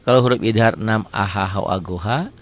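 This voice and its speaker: A man teaching tajwid rules, patiently repeating words slowly and asking and answering his own questions. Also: fairly low pitch, no echo. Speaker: Quran recitation teacher. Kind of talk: explaining tajwid rules to students.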